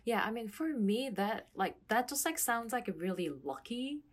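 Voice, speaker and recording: A young adult woman from South Korea, a native Korean speaker, talks casually and reflectively as a conversation partner. Her voice is a little high with big pitch swings, and she's halting, searching for words and often saying "like."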